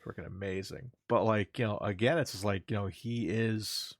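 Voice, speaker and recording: A man's voice: on the low side, steady tone, normal speed, no echo, clean studio sound. A man co-hosting a podcast, rambling casually with lots of filler words. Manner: rambling, lots of "like" and "you know". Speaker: podcast co-host. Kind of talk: casual chat.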